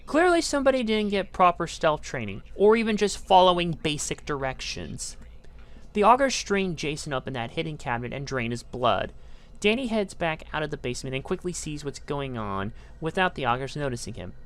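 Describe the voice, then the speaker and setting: A woman's voice: low voice, big pitch swings, fairly quick. A woman narrating a scripted game review, with dry, sarcastic asides. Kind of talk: scripted video-essay narration.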